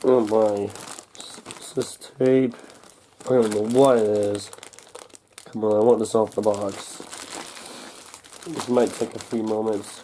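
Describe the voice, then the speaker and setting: A young man, slightly congested as his cold clears, talks through an unscripted product unboxing in a fairly low, mellow, steady voice. He's halting and mutters to himself while handling packaging indoors at a table, and the camcorder mic close above picks up a little hiss or hum.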